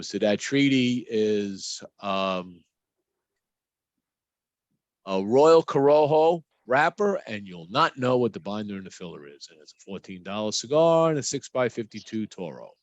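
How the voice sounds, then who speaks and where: A man's voice: mid-range voice, no room sound. A man hosting a podcast, giving a casual news rundown with a loose, filler-heavy delivery. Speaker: podcast host.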